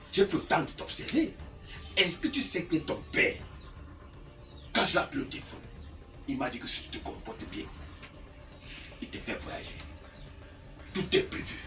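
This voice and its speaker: A man's voice: fairly high pitch, pushed and bright, exaggerated voice. A man playing a lecherous middle-aged uncle. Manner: insistent, wheedling, keeps tagging "hein?". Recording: distant mic with background music.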